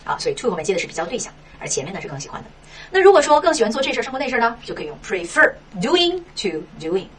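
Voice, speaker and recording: Very fast, lively woman teaching English. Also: a little high, slightly rough, recorded from a distance. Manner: lively, rhetorical questions, frequent "是吧". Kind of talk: explaining textbook lesson.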